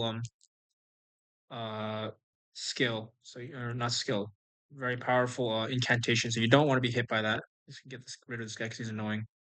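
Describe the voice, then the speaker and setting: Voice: mid-range voice, fairly bright tone. A game streamer giving casual live walkthrough commentary, instructing and talking through each move as it happens.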